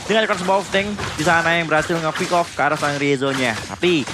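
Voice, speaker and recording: A man's voice: a little high, fairly quick. A man with an Indonesian accent giving esports play-by-play in the manner of a fighting game announcer. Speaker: esports shoutcaster. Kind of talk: live play-by-play game commentary. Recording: noisy live esports broadcast.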